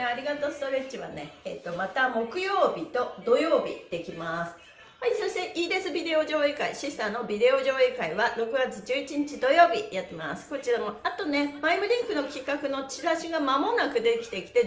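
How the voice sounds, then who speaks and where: Cheerful, animated and encouraging, a high-pitched instructor laughs often while hosting a live online stretch lesson, counting and chatting with participants. She's on a floor mat in a small indoor room, and the camera a few steps away captures a roomy echo.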